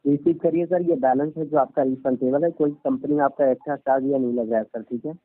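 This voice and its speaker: Claiming to be a loan agent for a finance company, a man pushes a sales pitch over the phone, and the recording sounds tinny and narrowband. He repeats himself, interrupts, and constantly uses polite address. His mid-range voice is fast, with fairly even intonation.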